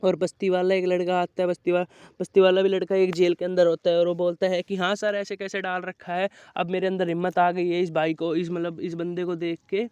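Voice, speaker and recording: Male narrator recapping a movie, monotone, clear voice, dry and slightly dull lo-fi recording. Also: sits high, fairly quick, no echo. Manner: rambling, with fillers and placeholder words like "so-and-so". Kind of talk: casual movie recap storytelling.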